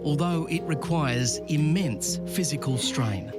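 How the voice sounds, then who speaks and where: Male news narrator over loud music. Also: on the high side. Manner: measured, informative.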